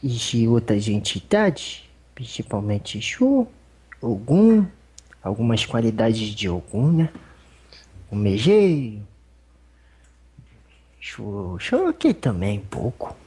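A medium voicing an old male spirit elder with a Brazilian accent, speaking in a husky, folksy, rambling way during a religious consultation. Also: mid-range voice, big pitch swings, takes it slowly, pauses often, warm tone, exaggerated voice. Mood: fatherly. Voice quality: husky, rambling, folksy speech with fond asides.

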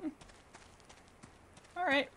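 A young adult woman giving casual live gameplay commentary, playfully musing aloud to herself. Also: drawn-out words. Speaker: video game streamer. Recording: clearly noisy live stream with clicks.

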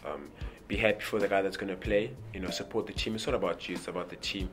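Seated in front of a press backdrop, a young South African rugby player answers an interview question quickly in a very deep voice. His reply is loose and rambling, full of repeated words and "you know", while clear music plays underneath throughout.

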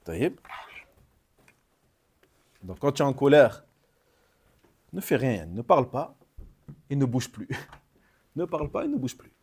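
A man's voice: medium pitch, big pitch swings, a little slow, pauses often, a little mellow, slightly rough. A man giving a religious lesson, repeating key phrases for emphasis and mixing in short Arabic phrases. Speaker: Islamic teacher. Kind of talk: religious lesson commenting on a hadith text.

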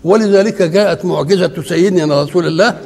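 A man's voice: sits high, fairly quick, creaky, darkish tone. A man with an Egyptian Arabic accent giving a religious lecture on Quran commentary, often asking his listeners rhetorical questions for them to complete. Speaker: Quran teacher. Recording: long hall reverb.

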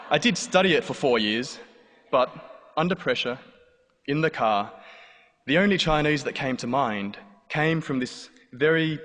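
A medium-pitched, slightly bright voice belongs to an Australian man in his thirties doing wry, deadpan storytelling about his own life. He performs in a large hall for a live audience. The recording carries long reverb and some faint noise.

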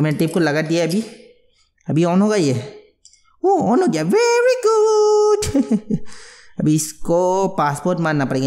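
A man giving jumpy, excitable let's play commentary on a horror game, mixing English words into his talk. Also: fairly high pitch, long reverb tail. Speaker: gamer.

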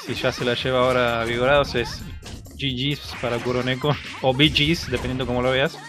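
A man's voice: mid-range voice, little pitch movement, brisk. A man with an Argentine Spanish accent giving casual, chatty analysis as a colloquial fighting game co-commentator. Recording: game music behind the voice. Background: fighting game music.

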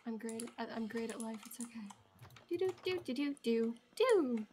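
A woman's voice: on the high side, animated, moderate pace, a little mellow, breathy edge. A woman streamer chatting casually and rambling while playing a game with friends, joking at her own expense. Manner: chatty, rambling, self-deprecating. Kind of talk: casual gaming chat.

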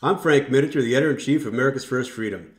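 A man hosting an interview, reading a scripted introduction and asking measured, prepared questions. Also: medium pitch. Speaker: interviewer and host.

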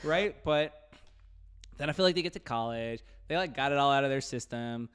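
Guy in his 30s, slangy podcast chat, rambles, says like a lot, mid pitch, close mic. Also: moderate pace, crowd noise. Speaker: podcast host. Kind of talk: casual, animated podcast chat. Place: dark indoor podcast studio. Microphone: close podcast mic on boom arm.

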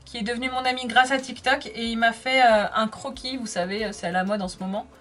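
A woman's voice: on the high side, fairly even intonation, brisk, fairly bright tone. Bubbly woman in her thirties, makeup vlog. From France. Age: 30s. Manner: chatty and bubbly, reads viewer comments aloud. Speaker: makeup vlogger. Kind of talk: casual chat answering live comments.

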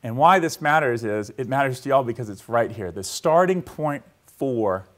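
A man's voice: medium pitch, lively intonation, moderate pace, fairly bright tone. Conversational male lecturer telling a story. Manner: conversational, keeps checking in with the audience; storytelling, asks listeners to picture a scene. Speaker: university history lecturer. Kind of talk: public lecture to a live audience. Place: lecture hall.

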